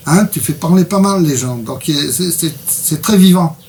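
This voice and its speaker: A man, a translator, chatting and reading book passages aloud in a lively way. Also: a little high, moderate pace, creaky, far from the mic, slight background noise.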